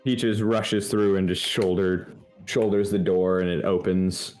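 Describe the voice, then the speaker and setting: A man narrating a tabletop game as game master, with halting restarts. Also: low voice, steady tone, a little mellow, soft background music.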